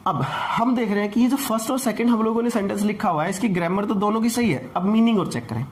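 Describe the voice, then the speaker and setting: A man's voice: sits high, quick pace, a little hiss or hum. A man teaching an English grammar class, explaining patiently and repeating points, often asking rhetorical questions.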